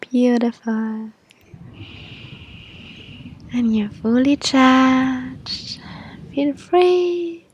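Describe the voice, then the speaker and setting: High, slow, breathy female meditation guide. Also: a little hiss or hum.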